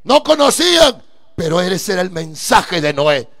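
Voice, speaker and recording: A man preaching a fervent live sermon at a church service, breaking into emphatic shouted bursts. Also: sits high, big pitch swings, a little slow.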